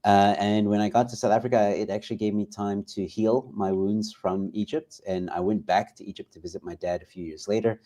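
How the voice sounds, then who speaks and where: Low-voiced American man, halting and relaxed. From United States. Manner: hesitant, many ums and restarts. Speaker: guest. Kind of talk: casual interview talk.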